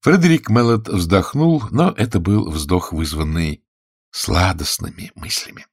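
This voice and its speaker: A man narrating a story aloud in a measured storytelling manner. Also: deep voice, lively intonation, creaky, breathy edge, no room sound, clean studio sound. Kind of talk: audiobook narration.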